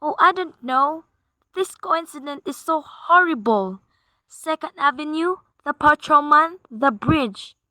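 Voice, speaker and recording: Radio drama role: nervous, insistent invalid wife female actor, high pitched and sharp-toned. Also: animated, unhurried, dry recording, full character voice, poor audio. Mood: horrified, fretful. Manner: fretful, insistent. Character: anxious, demanding, bedridden married woman phoning police. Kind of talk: radio play acting.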